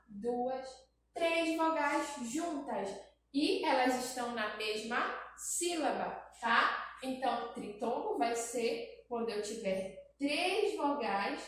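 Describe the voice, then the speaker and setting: A woman's voice: high-pitched, a bit bright. A woman teaching a grammar lesson to young children, repeating each point and checking in with "tá?". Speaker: primary school teacher. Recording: very echoey room, voice from a distance, faint noise.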